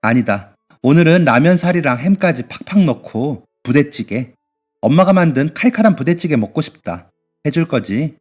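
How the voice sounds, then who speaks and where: Man doing a bright, coaxing young woman. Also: mid-range voice, animated, unhurried, faint music behind, lightly acted. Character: cheerful young woman patient soothing her family.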